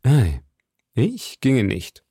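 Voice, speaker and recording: A man voicing a gallant, poetic young musketeer who speaks in a measured, courtly way. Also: mid-range voice, wildly swooping pitch, dark tone, breathy edge, no room sound, clean studio sound, full character voice. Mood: cautious.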